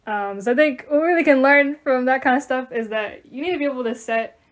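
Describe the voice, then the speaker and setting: A woman's voice: high voice, fast talker, a little hiss or hum. A teenage girl co-hosting a podcast, casually giving dating advice and finishing her partner's points. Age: teens. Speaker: podcast co-host.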